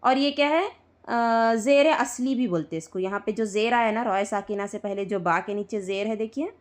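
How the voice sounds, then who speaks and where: A woman teaching Quran recitation rules to students, patiently repeating points, spelling out letters slowly and checking often that they follow. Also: mid-range voice. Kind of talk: live tajweed lesson to students.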